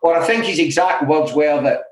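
A Glasgow-born, middle-aged interview guest who is in alcohol recovery talks through his own experiences frankly in conversational stories, dropping in many "you know" asides. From Scotland, he has a Glaswegian Scottish accent and a slightly high voice at normal speed, recorded in an echoey, roomy space.

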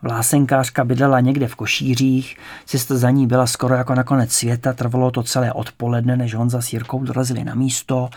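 A man reading a novel aloud as an audiobook narrator, in measured storytelling narration. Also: medium pitch, a little mellow. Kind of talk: scripted narration.

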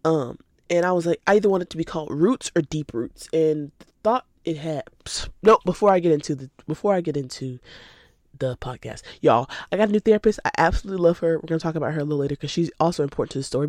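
Congested from a cold, a teenage podcast host from Atlanta, Georgia, eighteen years old, rambles chattily and laughs readily. She has a deep, darkish voice, captured in a clean studio recording with no room sound.

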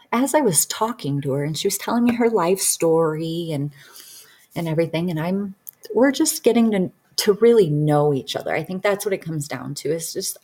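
A woman's voice: low voice, a little mellow, husky. A woman in her thirties, a healing practitioner, telling a personal story in a casual, rambling way with many fillers and restarts. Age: 30s.

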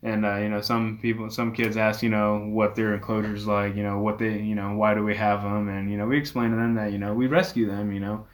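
A man's voice: fairly low pitch, flat delivery, fairly quick, hardly any pauses, slight background noise. A man being interviewed as a guest, explaining things casually in a rambling, filler-heavy way. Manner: rambling, peppered with "you know". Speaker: interview guest, reptile rescue owner.

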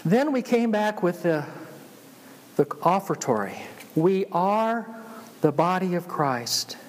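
High-pitched Southern preacher in a reverberant hall. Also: male voice, sing-song, takes it slowly, slight background noise. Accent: Southern US, Georgia. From Georgia, United States. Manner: call-and-response, repeats phrases for emphasis. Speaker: pastor. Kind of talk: sermon. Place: church, preaching to a congregation. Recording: long hall reverb of a large room.

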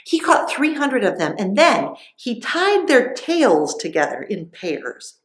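A woman narrating a Bible story for children, animated, with dramatic asides. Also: on the high side, takes it slowly. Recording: roomy echo.

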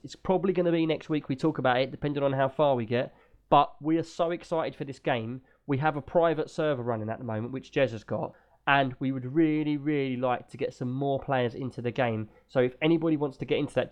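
A man's voice: mid-range voice, a little mellow. A British man talking casually and enthusiastically as the host of a gaming podcast.

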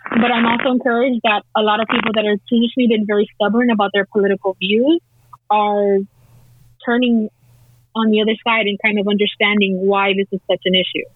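A woman's voice: medium pitch, little pitch movement, fairly quick, husky, dry recording. A woman speaking earnestly on a conference call, often stopping and restarting her thoughts as she works through them. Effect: conference call audio. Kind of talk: casual discussion. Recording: tinny call line, dry.

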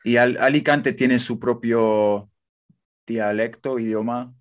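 A man's voice: mid-range voice, fairly even intonation, takes it slowly. A man interviewing casually, curious and asking lots of short follow-up questions. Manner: curious, asks many short questions, encouraging fillers.

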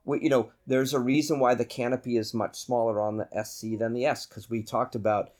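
A man's voice: medium pitch, steady tone, fairly quick, darkish tone. A man with a Boston accent telling an anecdote casually as a podcast guest, with teasing asides. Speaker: podcast guest, aerobatic pilot.

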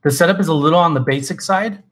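A man co-hosting a podcast in casual chat, relaxed and enthusiastic, with lots of fillers and restarts. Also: on the high side, fast talker. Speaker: podcast co-host.

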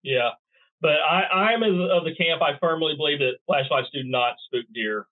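Middle-aged man, folksy and drily sarcastic, fairly high voice, tinny phone-line sound. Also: normal speed. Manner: folksy, dry sarcastic humor. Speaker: guest bowhunter. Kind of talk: podcast interview.

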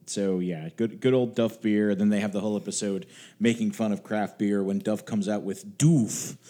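A man's voice: lowish voice, steady tone, normal speed, dark tone. A man co-hosting a podcast, chatting casually in a wry, rambling way with some swearing. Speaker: podcast co-host. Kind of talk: casual chat.

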